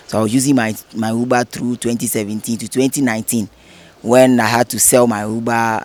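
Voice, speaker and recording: A man, a guest in an interview, explaining things earnestly and at length. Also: medium pitch. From Ghana. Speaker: interview guest, head of a cleanup group. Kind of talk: casual interview.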